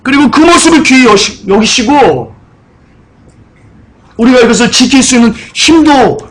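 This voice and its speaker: A man preaching a sermon in a church, asking the congregation questions and rising into high, pleading cries. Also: expressive, moderate pace. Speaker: pastor. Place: church sanctuary.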